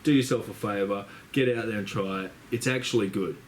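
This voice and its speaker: A young man hosting a casual podcast, talking in a relaxed, rambling way with plenty of fillers. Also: lowish voice, fairly quick, a little hiss or hum. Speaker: podcast host. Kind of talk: casual chat.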